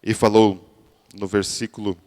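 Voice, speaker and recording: A man's voice: lowish voice, flat delivery, a little slow, dark tone. A man preaching a sermon in a church, often restarting his words and then building to emphatic peaks. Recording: church sermon with long hall reverb.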